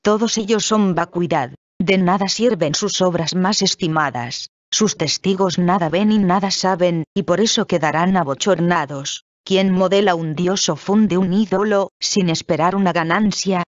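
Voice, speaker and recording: A reader giving a measured, solemn scripted reading of a Bible passage. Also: mid-range voice, no echo, muffled recording.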